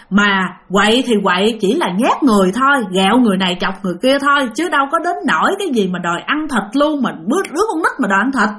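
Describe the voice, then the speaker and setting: Brief: female ghost-story narrator, Southern Vietnamese accent, lively and expressive, talks straight to listeners. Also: a little high. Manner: animated, addresses listeners directly. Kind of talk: spoken ghost story telling.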